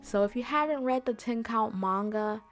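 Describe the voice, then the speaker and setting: Faint music sits behind a woman with a slightly high voice who hosts a convention panel at a moderate pace. She explains things in a chatty, conversational way, speaking directly to her audience.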